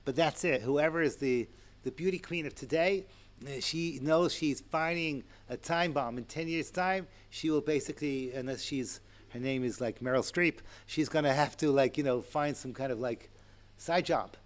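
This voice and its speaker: Man in his sixties, Torah lecture, animated asides, fairly high-pitched. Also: moderate pace. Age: 60s. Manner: animated, chatty, with asides and chuckles. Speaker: rabbi and lecturer.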